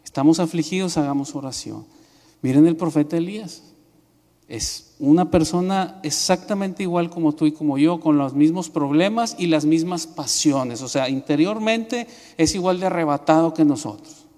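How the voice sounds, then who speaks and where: A man's voice: a little high, normal speed, a little mellow. A man preaching a sermon as pastor, telling a story with many fillers and restarts. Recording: long reverb in a hall.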